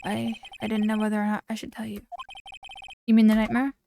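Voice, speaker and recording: A woman voicing a composed young male prosecutor haunted by guilt, reading game lines in a quiet, low-key confessional way. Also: completely flat delivery, a little fast, gravelly, background noise, lightly acted. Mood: troubled. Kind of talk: reading game dialogue aloud.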